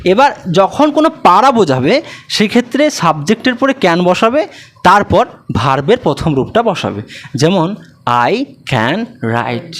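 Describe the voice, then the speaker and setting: Teacher, slow delivery, sing-song pitch, drawn-out examples, self-answered questions. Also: sing-song. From West Bengal. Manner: drawls English examples, asks and answers own questions. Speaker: English teacher. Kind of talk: spoken grammar lesson.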